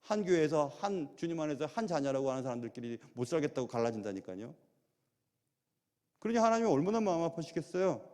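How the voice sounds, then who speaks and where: A middle-aged man preaching a sermon as pastor, animated and full of rhetorical questions. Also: on the high side, fast talker. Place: large church sanctuary. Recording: long church hall reverb.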